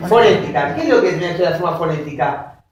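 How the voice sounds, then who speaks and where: A woman giving a university lecture, often checking that her students follow with quick questions. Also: on the low side, expressive, darkish tone, highs cut off, slight background noise. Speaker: linguistics lecturer. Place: classroom. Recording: roomy classroom audio from a distance.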